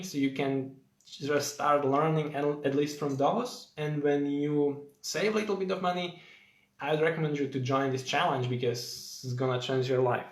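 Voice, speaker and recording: A young man from Slovakia, speaking English with a Slovak accent, hosts a casual live Q&A stream and greets viewers by name as he rambles chattily with many fillers. His voice is a little high, and the sound is reverberant.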